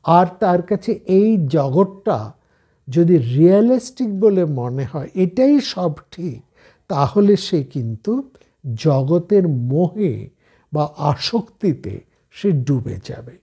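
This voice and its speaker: A man with a Bengali accent giving a slow, measured scripture discourse, explaining each point step by step. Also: on the high side, big pitch swings, warm tone, breathy edge. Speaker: spiritual speaker.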